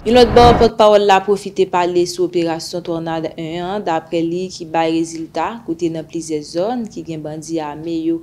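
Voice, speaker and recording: A woman news presenter reading a scripted news report with a steady delivery. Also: fairly low pitch, normal speed, hardly any pauses, slight background noise.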